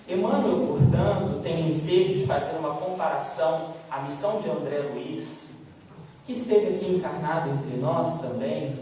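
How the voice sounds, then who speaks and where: A man giving a spiritist lecture, telling a story in an expressive, emphatic way. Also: on the high side, slight background noise. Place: lecture hall. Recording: echoey hall from far off.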